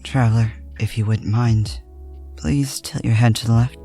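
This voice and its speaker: A woman voicing a calm, soft-spoken young male alchemist in a polite, measured whispered role-play. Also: extremely low pitch, faint music behind, voice pushed down. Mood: gentle.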